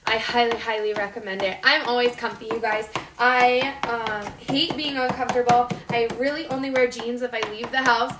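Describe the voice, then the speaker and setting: Chatting casually to viewers on her cooking livestream, this thirty-something host from Las Vegas has an upper Midwestern North Dakota accent. Her pitch is fairly high, her intonation fairly even, and her pace moderate. She's recording indoors in her home kitchen, where the echoey room and frequent clicks make the audio clearly noisy.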